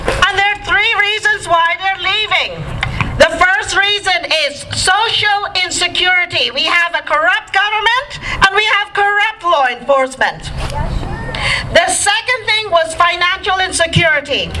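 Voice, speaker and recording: A woman's voice: very high voice, sharp tone, a little hiss or hum, low-quality recording. A woman from Guyana gives an emphatic, rousing political speech outdoors at a riverfront rally, calling out to the crowd. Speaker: rally speaker.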